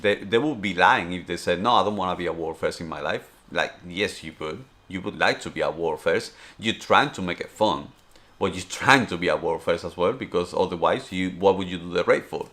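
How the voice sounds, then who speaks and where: A Spanish man in his thirties, with a deep low voice and a Spanish accent, chats loosely through a streamer's Q&A. He rambles, circles back and fills his talk with "obviously" and "you know". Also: a little fast, fairly bright tone. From Spain. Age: 30s. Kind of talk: casual Q&A chat.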